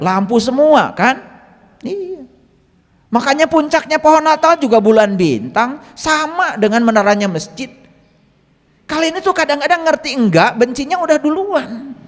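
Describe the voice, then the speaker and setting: A middle-aged man giving a religious lecture as a Sufi teacher, animated, teasing his listeners, and swinging between loud and hushed delivery. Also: very high-pitched. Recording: long hall reverb.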